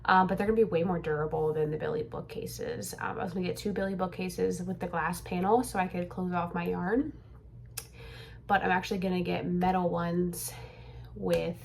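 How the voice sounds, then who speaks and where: A woman's voice: on the low side, normal speed, vocal fry, a little hiss or hum. A young woman vlogging casually from a room at home, rambling with lots of fillers and slightly out of breath. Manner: rambling, chatty, filler-heavy. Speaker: crochet pattern designer vlogger. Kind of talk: casual vlog chat. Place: home room being cleared out.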